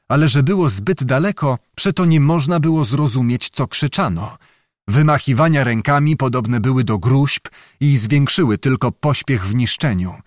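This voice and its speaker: Male audiobook narrator, lively dramatic reading, dry close sound. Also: medium pitch, dry recording. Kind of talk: audiobook narration of a historical novel.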